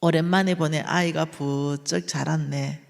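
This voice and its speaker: A woman voicing a mock-polite male loan shark gangster, speaking low, slow and threatening. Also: fairly even intonation, creaky, big-room sound. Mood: menacing.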